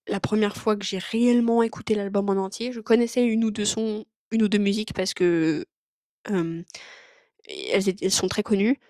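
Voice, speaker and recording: A woman's voice: mid-range voice, a little mellow, no echo, studio quality. A young woman vlogging in casual, rambling chat with lots of fillers and slang.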